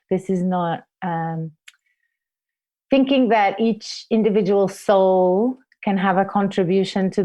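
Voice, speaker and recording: A woman in her forties from Portugal, telling her life story reflectively in an interview. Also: fairly low pitch. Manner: reflective, soft-spoken, restarts with fillers. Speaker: guest, forest therapy guide trainer.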